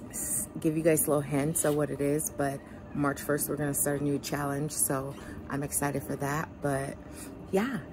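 A woman's voice: low-pitched, fairly even intonation, moderate pace, noisy background. A woman vlogger talking casually and sincerely to her followers while sitting in an ice bath. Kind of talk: casual, heartfelt talk to camera.

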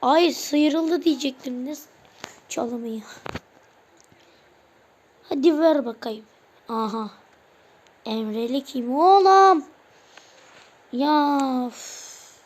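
A woman with a high voice narrates her own football video game match. She speaks slowly and loosely, shouting player names in short bursts. She grumbles at missed chances. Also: lively intonation. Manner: calls out player names in quick bursts, exclaims at plays. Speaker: gaming channel host. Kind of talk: casual live gameplay commentary.

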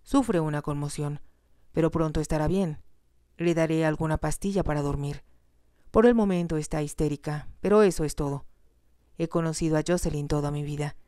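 A woman's voice: deep voice, normal speed, no room sound, studio quality, close to an everyday voice. A woman reading aloud, voicing a male family doctor who speaks steadily and firmly. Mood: measured. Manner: steady, reassuring, stern at times. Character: calm firm family doctor, man.

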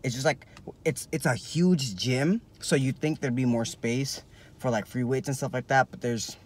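A man's voice: mid-range voice, moderate pace. Young man, twenties, casual car vlog, rambling, lots of filler words, phone at arm's length. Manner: loose and rambling, leans heavily on "like". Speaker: vlogger. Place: inside a parked car. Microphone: phone held at arm's length.

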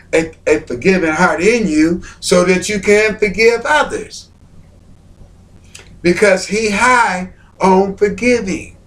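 A man preaching a sermon with fervent, repetitive phrasing, breaking in with words of praise. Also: a little high. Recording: voice a bit far from the mic.

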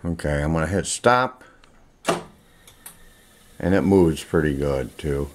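In a home, a male online seller holds a handheld camera and talks through an item while staying out of frame. His voice is very deep, and his delivery is casual, unscripted, plain, and halting. Audio equipment plays music in the background.

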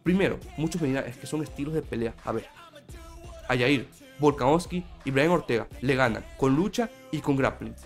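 A man with a medium-pitched voice speaks at a normal speed, with soft music playing behind him. He's an MMA commentator giving his opinion on a fight, emphatic and repetitive as he speaks straight to his audience, nursing a sore throat and a mild fever.

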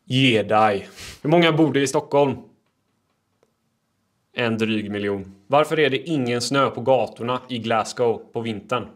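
A man presenting fast quiz and fact clips for social media, with quick, punchy delivery and deadpan pun jokes. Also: medium pitch. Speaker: TikTok creator.

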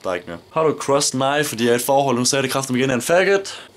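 A nineteen-year-old Danish YouTuber with a medium-pitched, lively voice answers viewer questions in a casual vlog. He is blunt, jokes around and swears a lot.

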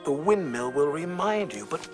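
An actor playing an eccentric, dreamy magical train conductor who muses aloud to himself, from a film. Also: male voice, on the high side, expressive, normal speed, music in the background, natural voice. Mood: musing. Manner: musing, talks to himself. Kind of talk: film dialogue.

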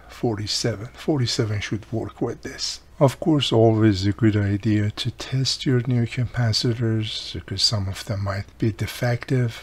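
A radio repair video host with a low, gravelly male voice walks through a casual, hands-on repair tutorial at an indoor workbench. He explains as he goes, often saying "you know" and adding cautions, with slight background noise.

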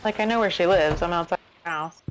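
A woman chatting casually while streaming a farming game, relaxed and swearing now and then. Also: on the low side, fast, slight background noise, low-quality recording. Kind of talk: casual gameplay chat.

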